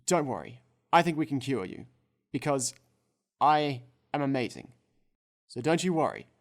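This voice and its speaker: A man voicing a smug, boastful male doctor who brags about his skill, a little louder than his own talk. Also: mid-range voice, big pitch swings, normal speed. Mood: cocky.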